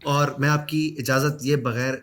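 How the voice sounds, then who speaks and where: A man from Pakistan hosting a podcast, building long, measured questions for his guest. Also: mid-range voice, fairly even intonation, fairly bright tone. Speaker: podcast host. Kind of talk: podcast interview.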